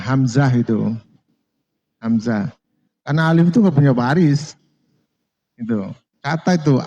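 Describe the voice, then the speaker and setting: Slow-talking Indonesian man teaching Quran reading. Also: on the high side, a little mellow. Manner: slow and repetitive, correcting students, drawing out Arabic terms. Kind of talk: relaxed classroom lesson. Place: mosque. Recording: dull lo-fi recording.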